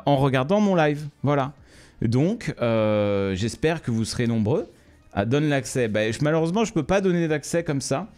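A man streaming live, chatting casually and jokingly with his viewers. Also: medium pitch. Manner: chatty, joking, addresses viewers as ladies and gentlemen.

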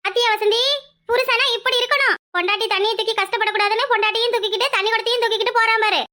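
A sharp-tongued village gossip teases and scolds in a very high, piercing voice, as a woman puts her on. She rattles off her jibes quickly with a bright, keen edge and a southern Tamil accent. It is a cartoon voice of a mocking neighbor. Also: fairly even intonation. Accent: southern Tamil (Tirunelveli). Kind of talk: cartoon voice acting.

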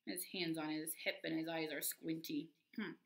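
A woman teacher reading a picture book aloud to children, expressive and playful, chatting about the story as she goes. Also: low voice, normal speed, gravelly. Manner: expressive and playful, comments to kids. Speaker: elementary school teacher. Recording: roomy echo.

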